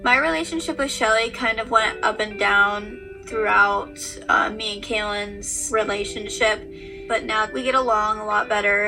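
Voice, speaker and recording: A woman's voice: mid-range voice, creaky, far from the mic, rough recording. A young adult woman talking casually in a reality TV show, played back from television. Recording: TV show playback with music underneath.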